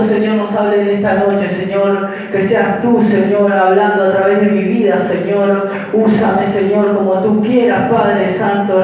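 A young adult man with a high, darkish voice and a Paraguayan Spanish accent preaches a sermon that includes prayer in a small church hall. Speaking into a handheld mic at the pulpit, he often restarts his phrases while explaining. Filmed from far away, the hall sounds very echoey.

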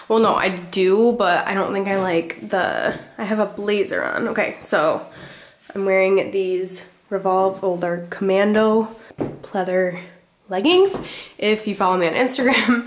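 A young woman in her twenties chatting casually through a clothing try-on, a bit out of breath, filling her talk with "like". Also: medium pitch. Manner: chatty, fillers like "like", upbeat. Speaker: vlogger. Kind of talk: casual try-on haul chat.

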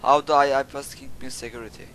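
A young man hosting a gaming channel, casually commenting on play, joking and swearing excitedly at the game. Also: medium pitch, fast talker, slight background noise.

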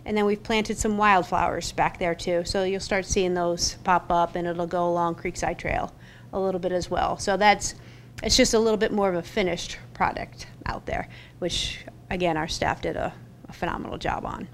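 Her voice is lowish and fairly even, moving at a normal speed, with a little hiss or hum on the recording. She's a middle-aged parks staff presenter giving an upbeat, chatty update with many fillers at a public board meeting, standing at a podium gooseneck mic in a council chamber.

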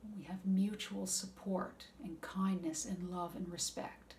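A woman talks calmly and gently, offering spiritual advice at a measured, reflective pace. Her pitch sits in an ordinary middle range. A faint noise runs under the recording. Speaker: wellness speaker. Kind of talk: calm spiritual advice talk.

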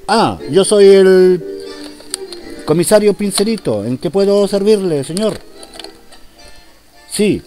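A man's voice: sits high, expressive, slow, pauses often, warm tone, soft background music. A man performing a comic monologue as a police commissioner taking a phone call, in a mock-formal, polite manner.

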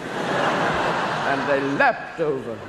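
Heavy background noise and audience laughter surround a stand-up comedian in his thirties on a large theatre stage. He draws out his words in a mid-range, very animated voice, rambling playfully and doing voices, all captured in an echoey live recording.

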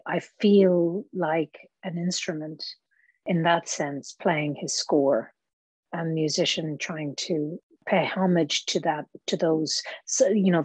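Low-voiced woman, reflective interview guest. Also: a little mellow, breathy edge, no room sound. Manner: reflective, searching for words. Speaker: actor and podcast guest. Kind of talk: conversational interview.

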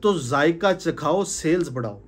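A man's voice: on the high side, lively intonation, a little slow, faint music behind. A man gives an informal sales talk to a small group, stressing points by repeating phrases. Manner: emphatic, repeats phrases for stress, gestures while talking. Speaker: sales trainer. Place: indoor room with curtains.

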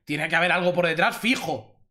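A young man from Spain with a Spanish accent and a high-pitched voice commentates a pack opening. He is excitable, repeats himself, and exclaims loudly whenever something good turns up. He talks close to a desk mic. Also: a little fast. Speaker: gaming youtuber.

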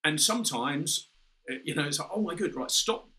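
A British man in his fifties, a former fighter pilot appearing as an interview guest over a video call, explains things at length, often restarting and saying "you know." His voice sits a little high, with lively intonation, a moderate pace and a sharp tone. He is indoors in a room with a window and red curtains.

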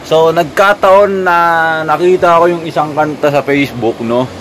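A man with a Filipino accent hosting a comedic vlog, lecturing in a mock-serious way and breaking off with sudden shouted punchlines. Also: a little high, moderate pace, noisy background. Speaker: vlogger.

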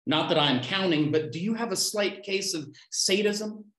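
A middle-aged poet reads his own poems from a small room at home, declaiming short, unconnected lines with deliberate pauses. His voice is higher-pitched and a bit bright. The sound comes through a computer mic on a video call and is roomy and echoey.

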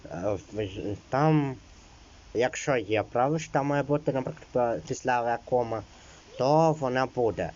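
A man's voice: medium pitch, a little slow, darkish tone, dull audio. A man teaching an exam-prep lesson, reading out rules and then explaining them loosely, with many fillers.

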